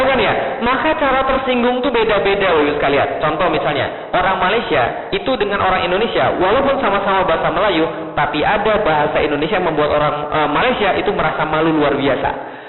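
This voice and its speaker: Male preacher, high and rapid, jokey, quizzes the crowd; tinny phone-like audio in a big echoing hall. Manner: jokey, keeps quizzing the crowd with rhetorical questions. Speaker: Islamic preacher addressing a seated audience. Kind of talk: lively lecture to an audience.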